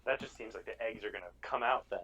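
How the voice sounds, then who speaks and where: A man playing in a tabletop game over voice chat, heard with robotic, glitchy audio, trailing off into low, hesitant asides. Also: quick pace, gravelly, sharp tone, slight background noise. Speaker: player.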